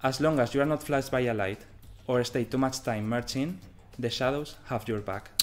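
A man in his thirties, a game developer, gives a scripted presentation at a moderate pace in a medium-pitched voice, with music playing behind him in the background.

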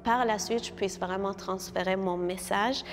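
An artist from Iran discusses her exhibition in an interview, earnest and halting, with plenty of filler sounds. Her mid-range voice is steady and measured in pace, recorded in a large hall with a little hiss or hum.

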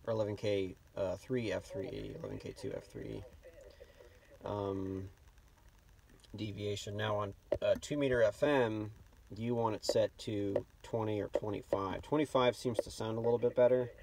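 A man's voice: on the low side, fairly even intonation, moderate pace, creaky, darkish tone. A man giving an informal, hesitant, off-the-cuff hands-on radio demonstration. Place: inside a car. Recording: noisy, distant mic, clicks. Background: radio broadcast, clicks, noise.

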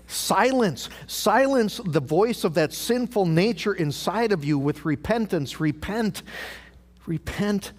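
Pastor preaching in a reverberant church. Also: male voice, a little high. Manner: rhetorical questions, repeated phrases. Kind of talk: sermon. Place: large church sanctuary. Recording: live church broadcast with long hall reverb.

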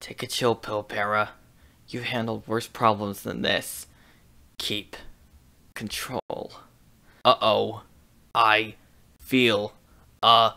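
A man's voice: fairly low pitch, little pitch movement, very slow, vocal fry, pauses often, sharp tone, heavily acted. A text-to-speech man's voice playing a show producer who rants, with robotic delivery. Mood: calm. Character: ranting male show producer. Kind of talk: text-to-speech blooper skit.

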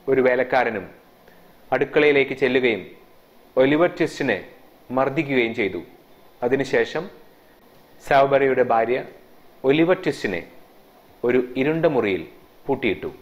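A man's voice: medium pitch, measured pace, long pauses. A man with a Malayali accent, teaching English by translating a story line by line and explaining the grammar. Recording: dull lo-fi sound.

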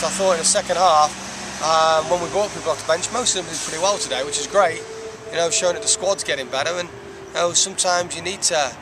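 A man in his thirties, a soccer head coach, giving a measured, reflective postgame interview outdoors, with lots of "you know". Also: fairly high pitch. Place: outdoors by a stone wall. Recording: outdoor traffic noise.

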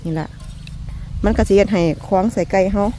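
A woman's voice: medium pitch, steady tone, fairly quick, a little hiss or hum. Chatty Isan woman vlogger outdoors. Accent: Isan (Northeastern Thai). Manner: chatty, folksy, ends phrases with soft polite particles, laughs often. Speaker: vlog host. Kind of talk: casual chat to viewers. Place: rural home garden, outdoors.

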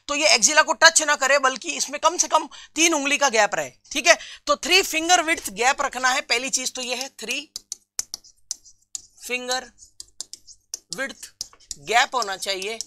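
In a live online nursing exam class, a man with a very high-pitched, sharp voice calls his viewers friends, reads their answers out, and repeats important terms slowly. The sound is clean and studio-like, with no echo.

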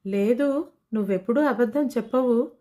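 A woman's voice: on the high side, moderate pace, warm tone, natural voice. A woman storyteller voicing an ashamed, frightened young pregnant woman who talks apologetically and is close to tears. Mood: anxious.

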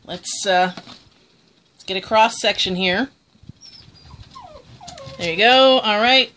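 A woman's voice: mid-range voice, takes it slowly, fairly bright tone. A woman chatting casually through a food review, exclaiming as she tastes.

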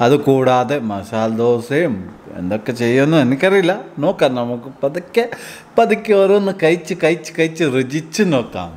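A man's voice: mid-range voice, animated, rapid-fire, darkish tone, a little hiss or hum. A Malayali-accented man talking through a face mask, chatting to his viewers in a casual food vlog from a restaurant. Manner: chatty, addresses viewers as friends. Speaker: food vlogger. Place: busy restaurant.

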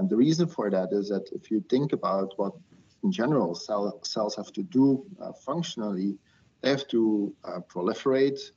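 A man in his thirties lectures in a low voice with a husky edge, heard through a screen recording of a video call. He talks hesitantly, with frequent fillers and restarts. The audio is dull and lo-fi. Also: darkish tone. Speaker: invited research speaker. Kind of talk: academic webinar lecture.

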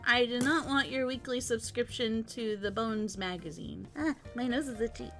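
A woman streaming a game live, excitable and giggly, often breaking into squeals and repeated panicked cries. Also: a little high, moderate pace. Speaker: VTuber streamer. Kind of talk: live gameplay commentary. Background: faint background music.

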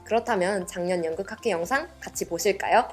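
Female student host, young adult, formal prepared questions, mid-range pitch, faint music bed. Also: a little fast. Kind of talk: polite scripted interview hosting.

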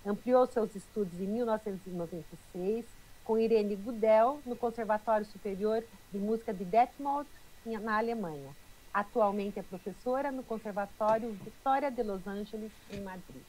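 A woman's voice: mid-range voice, normal speed, a little mellow, poor audio. A middle-aged woman with a Brazilian accent, hosting a video call on earbuds, introducing a speaker and reading aloud. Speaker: event host. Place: indoor room. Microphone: wired earbuds on a video call.

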